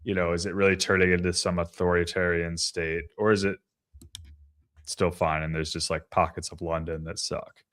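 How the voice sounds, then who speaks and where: A man with a fairly low voice chats loosely as a podcast co-host. He rambles, restarts his thoughts and drops swear words without much care. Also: little pitch movement, normal speed, a bit bright. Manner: rambling, swears freely, trails off. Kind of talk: casual podcast chat.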